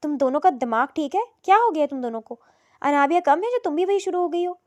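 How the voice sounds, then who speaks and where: A woman's voice: sits high, lightly acted. A woman voicing a worried middle-aged mother who pleads and then scolds sharply. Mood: angry. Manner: anxious pleading, sharp scolding when angry.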